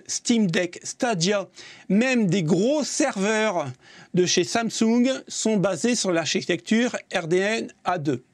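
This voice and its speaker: Higher-voiced man, casual tech host, opinionated and repetitive. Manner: opinionated, repeats himself, hedges with "je pense".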